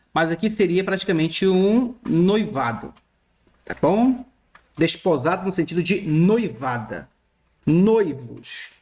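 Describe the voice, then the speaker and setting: A male teacher walks through a grammar lesson. His pitch moves freely up and down as he points at written text. He repeats himself and checks in with his students again and again. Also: a little mellow. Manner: repeats points and checks in often with short questions. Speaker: Greek teacher. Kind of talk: recorded online lesson explaining grammar.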